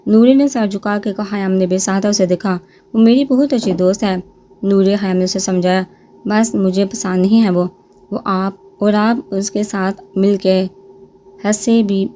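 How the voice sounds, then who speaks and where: Woman reading a novel aloud, mellow. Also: fairly even intonation, a little hiss or hum. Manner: reads all characters' lines in her own voice with small lifts in pitch. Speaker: novel reader. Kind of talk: storybook narration of a romance novel.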